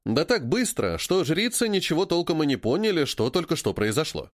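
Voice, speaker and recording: Lively male audiobook narrator. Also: a little high, a little fast, no echo, clean studio sound. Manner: lively, voicing many characters.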